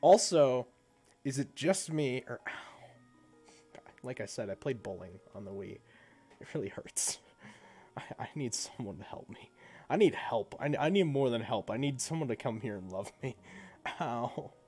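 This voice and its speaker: A man's voice: mid-range voice, expressive, moderate pace, pauses often, darkish tone, soft background music. A man streaming a game while sick, groaning and poking fun at himself in casual chat. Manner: groaning, self-mocking complaints.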